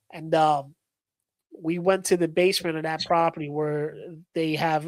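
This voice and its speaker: Animated man telling a ghost story. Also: fairly high pitch, dry recording, rough recording. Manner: animated, excitable telling with many fillers. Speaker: paranormal investigator guest. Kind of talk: casual live-stream storytelling.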